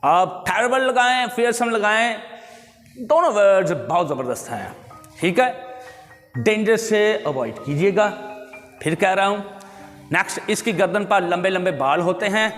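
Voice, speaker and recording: A man teaching a lesson and slowly repeating words for pronunciation. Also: sits high, fairly bright tone, big-room sound, soft background music. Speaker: English teacher. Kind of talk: recorded classroom lecture.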